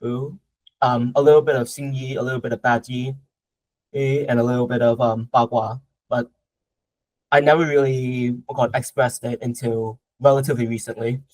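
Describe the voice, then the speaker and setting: A man's voice: medium pitch, little pitch movement, moderate pace, darkish tone, no echo, rough recording. A young man from Southern Vietnam, answering interview questions casually, with a lot of hesitation, fillers and restarts. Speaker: guest martial artist.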